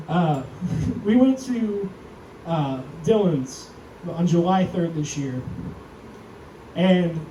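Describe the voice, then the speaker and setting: High-voiced young comedian in an echoey club. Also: male voice. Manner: deadpan, self-deprecating, acts out quotes in a raised voice. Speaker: stand-up comedian. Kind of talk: stand-up comedy set. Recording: echoey club, mic heard from far, audience noise.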